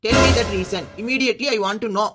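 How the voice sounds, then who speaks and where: A man's voice: sits high, very slow, over loud music. A cartoon voice actor playing a drunk young man who throws broken English into his talk. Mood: demanding. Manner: mixes broken English in, insistent. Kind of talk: cartoon serial voice acting.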